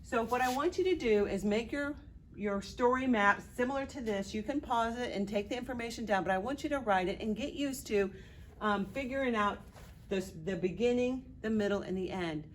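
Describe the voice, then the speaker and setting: A woman teaching an online lesson for young children, talking gently and asking simple questions as she draws. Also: a little high, a little hiss or hum. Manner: gentle, slow, questioning while drawing.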